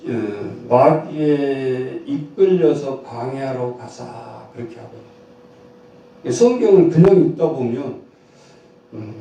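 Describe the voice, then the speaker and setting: A man's voice: medium pitch, creaky, dark tone. A man preaching a Sunday sermon as pastor, emphatic and asking his congregation questions. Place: church sanctuary. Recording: echoey church hall from far off.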